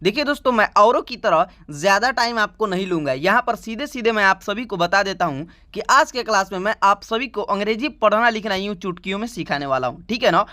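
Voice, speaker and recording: Casting: male online tutor with a high-pitched voice, chatty and repetitive, reciting letters slowly. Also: animated, pushed and bright. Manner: chatty, keeps adding "right?" checks. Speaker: online English teacher. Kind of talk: YouTube lesson, reciting the alphabet.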